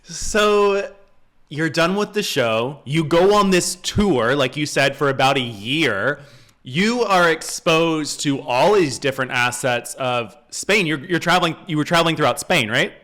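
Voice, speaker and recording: Bright-voiced male podcast host. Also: fairly high pitch. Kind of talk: casual interview chat.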